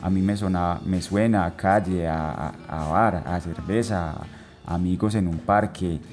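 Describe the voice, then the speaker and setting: A man talking casually, often repeating and restarting words, with relaxed local slang. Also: deep voice, moderate pace, soft background music. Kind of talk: casual chat.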